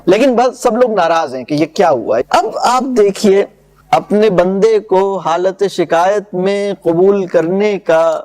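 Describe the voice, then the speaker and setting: A man giving a lecture on classical poetry. He recites verses slowly and solemnly, then explains them in quick, conversational asides and checks whether his listeners follow. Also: high-pitched, a little mellow. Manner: asks listeners whether the point is clear.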